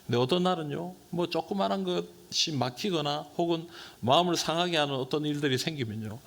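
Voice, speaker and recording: A man's voice: a little high, a little fast, gravelly. A male pastor preaching a sermon and posing questions to his congregation. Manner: animated, rhetorical questions to the congregation. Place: church sanctuary.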